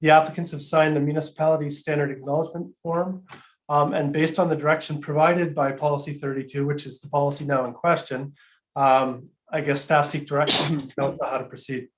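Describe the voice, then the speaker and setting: A man's voice: on the high side, little pitch movement, a little fast, poor audio. A male municipal staff member presenting a report to council in a formal, procedural way.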